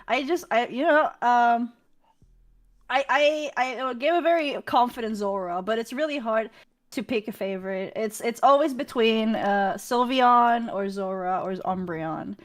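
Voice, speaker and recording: A woman's voice: on the high side, measured pace. A young woman from Norway with a subtle Norwegian accent, chatting as a guest in a casual call, giggly and hesitant with many restarts. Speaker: guest streamer. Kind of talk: casual chat.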